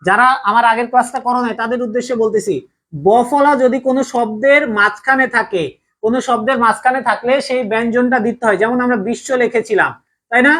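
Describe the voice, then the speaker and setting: Woman teacher from Bangladesh, higher voice, repeats each rule as a question for the class. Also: fairly even intonation, brisk, a bit bright. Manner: drills students with repeated call-and-answer questions. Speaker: online Bangla grammar teacher. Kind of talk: live online class lesson.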